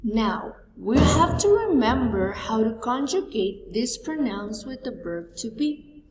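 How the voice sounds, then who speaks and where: A woman teacher giving a bilingual grammar lesson, slow and deliberate, spelling out each example. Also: on the high side, big pitch swings, darkish tone, slight background noise. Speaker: English teacher. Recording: echoey room heard from far off.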